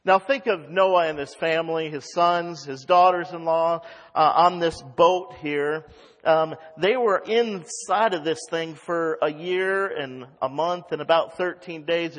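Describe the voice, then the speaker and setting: A man's voice: on the high side, muffled recording. A male pastor preaching an expository sermon at a pulpit microphone, reading scripture aloud and explaining it. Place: church sanctuary. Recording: long reverb of a large church hall.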